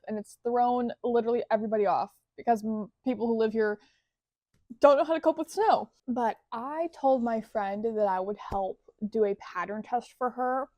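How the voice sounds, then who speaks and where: A woman's voice: on the high side, dark tone, no echo. A young woman chatting casually in a vlog, bubbly and rambling, joking at her own expense. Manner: bubbly, rambling, self-deprecating humor. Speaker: crochet vlogger.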